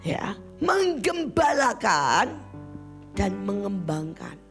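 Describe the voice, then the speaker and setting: A woman's voice: medium pitch, very slow, soft background music. A woman preacher giving a sermon full of personal stories, often addressing her listeners directly as brothers and sisters and acting out the people she quotes. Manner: addresses listeners as "saudara" again and again; lively storyteller who acts out the people she quotes.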